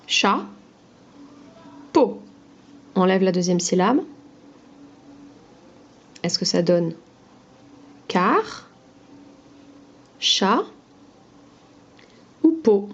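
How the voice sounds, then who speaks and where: Woman teacher, super slow phonics for small kids, clear syllables, kinda lo-fi sound. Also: lowish voice, sing-song. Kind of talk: phonics lesson for young children.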